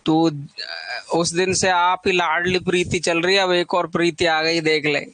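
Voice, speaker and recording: A man's voice: high voice, flat delivery, a little slow, fairly bright tone, dry recording. A man teaching a live online Hindi literature exam-prep class, chatty, repeating lists of titles and teasing students by name.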